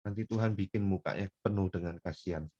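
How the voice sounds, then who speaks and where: An older man from North Sumatra preaching a folksy sermon, dropping to soft murmurs and then rising into loud, emphatic bursts. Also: sits low, fast, slightly rough, dull audio. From Pematangsiantar, North Sumatra.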